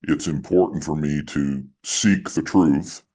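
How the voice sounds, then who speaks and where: A man voicing an anonymous male critic through a disguised, pitched-down deep voice, talking in a measured, needling way. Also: fairly even intonation, dark tone. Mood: accusing. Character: anonymous male critic hiding his identity, smug. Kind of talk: comedy bit on a podcast.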